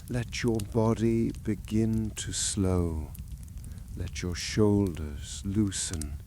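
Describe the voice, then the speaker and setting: Very slow, deep-voiced male sleep story narrator. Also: slight background noise. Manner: hushed, gentle, calming delivery with long pauses. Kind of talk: soothing scripted sleep story and guided relaxation narration.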